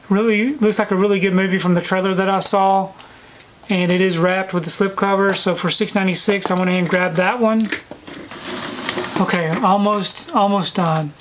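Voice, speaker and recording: A woman's voice: mid-range voice, a little hiss or hum, rough recording. A woman chatting casually through a collection haul vlog, slightly out of breath, with frequent fillers and restarts. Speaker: video collector vlogger.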